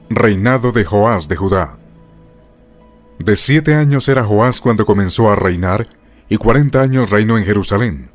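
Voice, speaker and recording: A man with a fairly low voice gives a solemn audio Bible reading. His delivery is measured and formal, as scripted scripture narration. Instrumental guitar music plays behind him.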